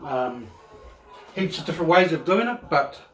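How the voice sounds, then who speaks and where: Echoey, higher-voiced man with Maori accent. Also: big pitch swings, moderate pace, a bit bright. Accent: Maori New Zealand. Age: middle-aged. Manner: laid-back, rambling, colloquial. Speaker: home cook presenting a cooking video. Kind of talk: casual cooking demonstration. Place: home kitchen, indoors. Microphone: phone camera across the counter. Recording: echoey kitchen, camera at a distance.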